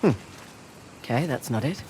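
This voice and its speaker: Wry, lively treasure hunter Chloe Frazer. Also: female voice, very deep voice, normal speed. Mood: wry, playful. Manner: teasing, breezy, dryly humorous. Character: wry, upbeat adult female treasure hunter. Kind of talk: video game cutscene acting. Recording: clear background noise under game dialogue.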